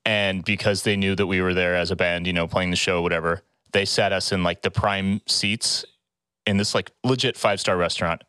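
A man's voice: low-pitched, fairly even intonation, a little fast, sharp tone, smooth, no room sound. A man speaking as a podcast host, with upbeat announcements and casual chat.

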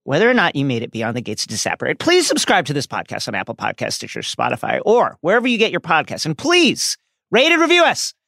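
A man's voice: medium pitch, huge pitch swings, fast talker, vocal fry, hardly any pauses, fairly bright tone, dry recording, studio quality. A man co-hosting a podcast, reading a scripted intro and recap with playful, theatrical comic asides. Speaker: podcast co-host.

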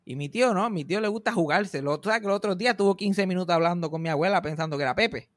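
A man's voice: sits high, rapid-fire, no echo. A man with a Puerto Rican accent telling funny family stories in casual chat, swearing freely. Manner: animated storyteller, swears casually, laughs often.

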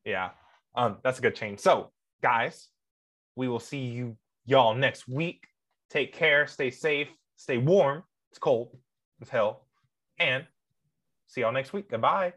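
A man's voice: medium pitch, takes it slowly, a bit bright. A young man co-hosting a casual podcast, rambling and gushing with frequent laughs. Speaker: podcast co-host.

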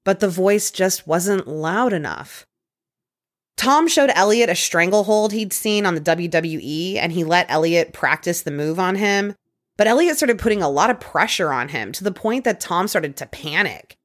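A woman hosting a podcast, casually recounting a true-crime case with quick conversational asides. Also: lowish voice, lively intonation. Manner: conversational, quick asides, occasional put-on quotes. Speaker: podcast host telling a case.

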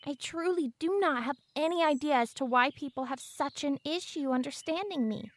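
This is a pompous teenage girl with a menacing calm, voiced by a woman in an audio drama. Her voice sits high. She talks in stiff, overly formal sentences full of big words, always smug and condescending. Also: moderate pace, natural voice. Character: pompous, coldly menacing 14-year-old girl hunter.

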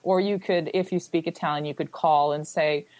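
A woman from the Boston area, an expert guest explaining how to research family records, often acting out quick quoted exchanges. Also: sits low, fairly even intonation, darkish tone, no echo. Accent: Boston-area American. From United States. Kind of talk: casual interview answers.

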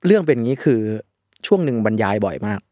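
A man in his thirties telling stories in casual chat, with a sharp voice pushed from the throat and an animated, swearing-among-friends manner. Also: medium pitch, quick pace, dry recording, studio quality. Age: 30s. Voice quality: sharp throat-driven voice that tires easily. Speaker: podcast guest.

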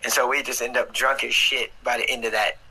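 A man's voice: mid-range voice, little pitch movement, brisk, pushed and bright, slight background noise, rough recording. A man hosting a livestream over a video call, bantering casually with jokes and profanity. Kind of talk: casual chat.

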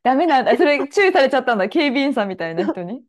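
High-voiced woman reacting in chat. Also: big pitch swings, rapid-fire. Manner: supportive listener, short reactions and laughs. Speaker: podcast co-host. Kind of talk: casual chat.

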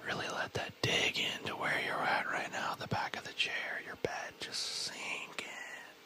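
A man whispering as an ASMR host, leading a guided body scan with soft, soothing instructions and the odd casual aside. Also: measured pace.

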